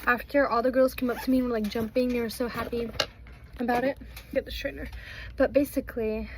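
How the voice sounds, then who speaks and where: A teenage girl tells a long storytime while doing her makeup, full of fillers and restarts. Her voice sits a little high. Faint background noise runs under the recording. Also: fairly even intonation, fast. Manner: chatty, rambling, many fillers and restarts. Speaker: vlogger.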